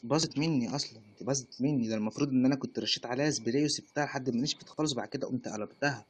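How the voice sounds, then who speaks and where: A man's voice: medium pitch, racing, breathy edge. A man with an Egyptian accent, chatting casually as a guest on a live stream and explaining his artwork. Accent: Egyptian Arabic. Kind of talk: casual chat.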